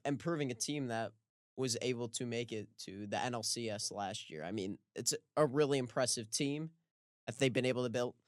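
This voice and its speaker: A man co-hosting a casual sports podcast, easygoing and quick to laugh, often pausing on "um". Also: mid-range voice, clean tone, no room sound, clean studio sound. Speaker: podcast co-host.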